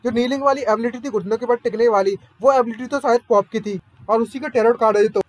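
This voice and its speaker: A man's voice: very high voice, fast, no echo. A man voicing a proud scheming female villain queen in a storybook recap, haughty and indignant.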